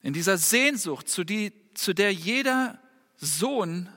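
A middle-aged man preaching a sermon, earnest, dropping soft for quoted lines and rising loud when pleading. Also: sits high, animated, slow. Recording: long reverb of a large hall.

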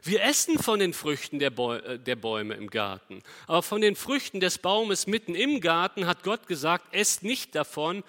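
A man's voice: sits high, very animated, normal speed, few pauses, fairly bright tone, pitched above the performer's own voice. A man voicing an earnest first woman answering the serpent, insistent, in a long reverberant hall.

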